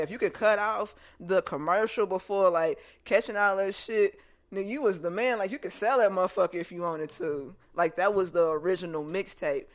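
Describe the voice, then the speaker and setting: A woman hosting a podcast, telling childhood stories in a casual, animated way and laughing often. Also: on the low side. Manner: animated, joking storytelling with lots of laughter. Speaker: podcast host. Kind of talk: casual chat, reminiscing.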